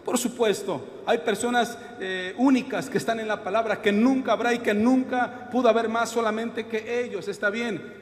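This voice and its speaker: A man's voice: high-pitched, steady tone, normal speed, in a large hall. A man preaching a sermon in a church, calling out questions to the congregation. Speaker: pastor. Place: church hall.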